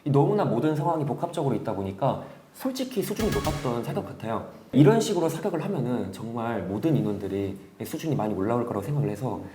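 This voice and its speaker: A man's voice: medium pitch, big pitch swings, fast talker, few pauses, warm tone, a little hiss or hum. A man, a military veteran on a panel, giving an explanatory review of his experience. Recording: echoey room sound.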